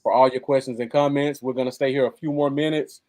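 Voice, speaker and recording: A man's voice: medium pitch, fairly even intonation, fast, mellow. An American man chatting casually as co-host of a live football fan show. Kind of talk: casual live sports chat.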